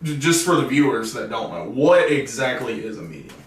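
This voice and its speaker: A man's voice: mid-range voice, sing-song, fairly quick. A young man hosting a casual podcast chat, rambling and stumbling over his words. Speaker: podcast host. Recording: roomy echo, mic at a distance.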